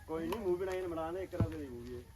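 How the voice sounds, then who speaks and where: A man's voice: a little high, fast talker, over a noisy crowd. A man with a Punjabi accent chatting casually with others on a work site. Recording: very noisy outdoor recording with clicks.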